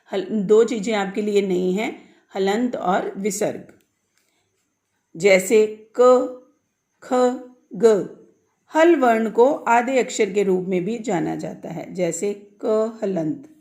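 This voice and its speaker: A woman's voice: on the high side, creaky, a little mellow. A woman teaching a Sanskrit grammar lesson, asking the class questions and answering them herself, sounding out letters one by one.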